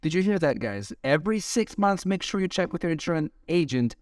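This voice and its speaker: A man's voice: a little high, animated, a little fast, a little mellow, no room sound, clean studio sound, distant mic. Upbeat male co-host, a bit off-mic. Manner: upbeat, enthusiastic interjections. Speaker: podcast co-host. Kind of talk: casual chat.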